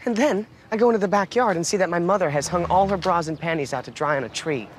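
An actor playing an uptight adult son, easily embarrassed, indignant and dryly sarcastic in a TV comedy-drama. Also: male voice, high-pitched, a little hiss or hum, close to an everyday voice. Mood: irritated. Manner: halting, indignant, dry sarcasm.

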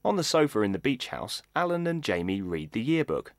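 A man's voice: fairly low pitch, big pitch swings, brisk, heavy background noise. A man giving scripted audio description narration of what happens on screen.

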